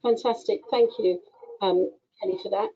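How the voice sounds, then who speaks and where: A woman interviewer asks career questions and answers each reply with encouragement. Her pitch sits in the middle, and the sound is dull and lo-fi. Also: fairly even intonation, moderate pace, warm tone, husky. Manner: encouraging, affirming replies. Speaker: interviewer, event host. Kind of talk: online interview. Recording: dull lo-fi audio.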